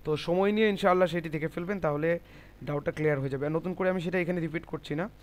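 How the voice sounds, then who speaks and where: Guy teaching pronunciation online, fairly high voice, slow patient drilling, repeats everything. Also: darkish tone. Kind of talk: online class instruction.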